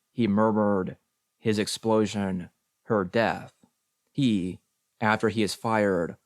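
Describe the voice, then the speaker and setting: Slow, low-voiced male audiobook reader. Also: dry recording, studio quality. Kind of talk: slow deliberate reading of experimental prose.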